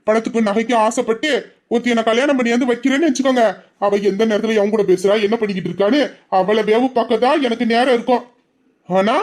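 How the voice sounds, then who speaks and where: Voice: mid-range voice, a little mellow, close to an everyday voice. A performer voicing a domineering, boastful young man with an obsessive streak, in an audio drama. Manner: boastful, menacing.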